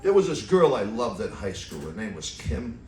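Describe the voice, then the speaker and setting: A middle-aged man performing a stand-up comedy set on a club stage, delivering deadpan one-liners and chuckling at his own jokes. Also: on the low side, normal speed, background noise. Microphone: stand mic away from mouth. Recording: roomy club sound from a distance.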